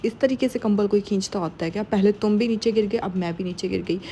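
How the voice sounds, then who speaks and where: Retelling a drama one scene at a time, a young recap narrator quotes every line of dialogue and throws in her own comments in a casual storytelling way. She talks fast in a mellow, mid-range voice over slight background noise.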